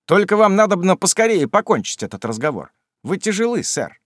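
A man voicing a brisk, blunt, loyal manservant who talks loudly and urgently. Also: high voice, very animated, no echo, clean studio sound, pitched above the performer's own voice, heavily acted.

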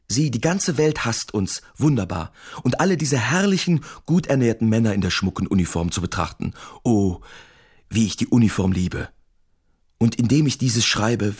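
A gravelly, sardonic lonely artist. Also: male voice, lowish voice. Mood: mock rapture. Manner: mock-patriotic irony turning bitter. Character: sardonic lonely male artist writing wartime letters. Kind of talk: radio drama letter reading.

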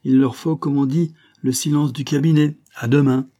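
A man's voice: medium pitch, steady tone, moderate pace, warm tone, pitched above the performer's own voice, lightly acted. A man voicing a sly, theatrical fairground showman who blackmails a count, speaking with grand emphasis. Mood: mocking, theatrical.

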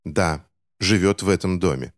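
A man's voice: sits low, normal speed, no echo, studio quality, natural voice. A man voicing a harsh, desperate middle-aged mother in an audiobook, pleading and spiteful by turns. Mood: tense. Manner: pleading, then cold and spiteful.

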